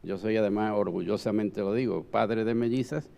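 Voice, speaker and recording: Speaking at normal speed, an older man with a fairly low, dark voice and some vocal fry reminisces during a round-table discussion. He once delivered the Holy Week proclamation and now sits on the panel, reflective and emphatic, often looking for agreement. A long hall reverb colors the sound.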